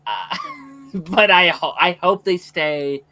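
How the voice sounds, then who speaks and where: A man co-hosting a casual chat, voicing frank opinions with halting restarts. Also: sits high, bright, forceful tone, low-quality recording. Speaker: co-host.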